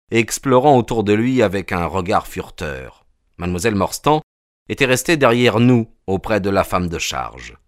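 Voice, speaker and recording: A man narrating a novel as an audiobook in a measured, literary way. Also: fairly low pitch, fairly bright tone, no room sound, studio quality.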